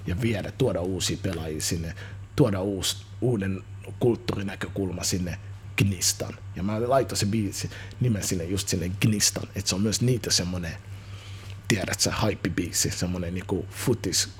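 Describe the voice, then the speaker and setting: A man in his thirties, a musician and youth football coach, talking in a casual interview in an energetic, slangy, rambling way full of restarts. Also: sits low, slight background noise.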